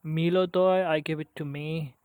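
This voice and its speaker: A man practicing language conjugations aloud on his own, halting and restarting often as he works through a lesson. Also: a little high, steady tone, clean tone, no echo, narrow, tinny audio. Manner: halting, with frequent restarts and hesitations. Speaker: language learner. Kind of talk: self-study language practice.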